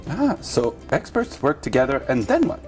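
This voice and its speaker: Woman as a goofy sock puppet, low pitch, wildly swooping intonation, eager and silly, music behind, comic explainer. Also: very animated, normal speed, a little mellow, low-quality recording. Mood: goofy, excited. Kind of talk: scripted comic explainer dialogue.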